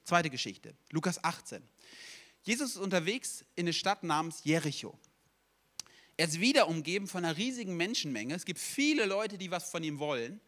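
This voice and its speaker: Bright-voiced man preaching a sermon. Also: on the high side, moderate pace. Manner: lively storytelling, acts out quotes casually.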